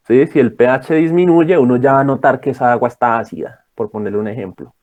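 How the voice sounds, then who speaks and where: A man's voice: medium pitch, quick pace, darkish tone, dull audio. A young man tutoring students in a casual lecture, rambling and checking in with his listeners.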